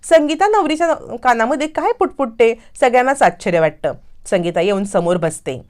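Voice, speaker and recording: A woman's voice: on the high side, lively intonation, a little mellow. A woman narrating a TV serial episode recap, acting out every character's lines. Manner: brisk storytelling, acts out all dialogue.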